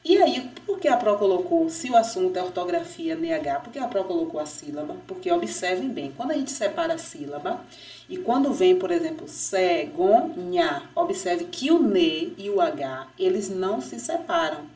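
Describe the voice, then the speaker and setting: A woman teaching young children to read in a remote lesson, stretching out each example word slowly. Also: on the low side, very animated, warm tone. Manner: slow, drawn-out syllables on example words. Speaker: primary school teacher. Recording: voice a bit distant from the mic.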